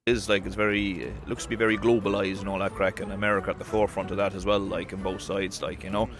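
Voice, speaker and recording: A man's voice: deep voice, level tone, fast talker. A man from Ireland rambling in a street interview, filling his talk with "like, you know".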